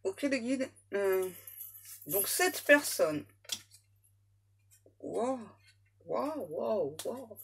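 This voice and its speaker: A woman giving a casual tarot reading in a somewhat high voice, chatty and playful. She drops slang and jokes with her guides as she goes. A faint hiss sits under her voice. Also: big pitch swings, very slow, creaky, pauses often. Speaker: tarot medium.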